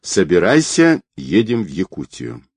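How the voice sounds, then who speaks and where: A man's voice: low voice, huge pitch swings, a little slow, a little mellow, slightly rough, exaggerated voice. A man voicing a cold, scheming woman crime boss in an audiobook, curt and commanding.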